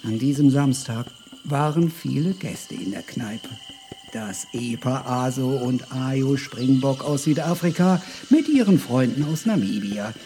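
A man reading a children's animal story aloud, calm and measured. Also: medium pitch, faint music behind.

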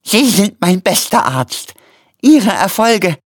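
A man's voice: mid-range voice, big pitch swings, moderate pace, no room sound, studio quality, pitched above the performer's own voice, lightly acted. A man voicing a courteous elderly male doctor who talks in a polite, effusive, formal way. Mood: wounded, pleading.

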